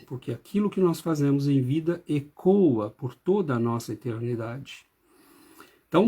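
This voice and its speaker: A man giving a reflective spiritist lecture, pausing often and hesitating as he speaks. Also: medium pitch, creaky, darkish tone. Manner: slow, reflective, with frequent hesitations. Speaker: spiritist study group speaker.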